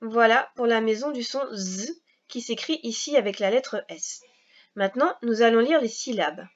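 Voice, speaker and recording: A woman's voice: on the high side, dull audio. Patient woman teaching children to read. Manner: slow, patient, step-by-step explaining. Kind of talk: recorded reading lesson for young children.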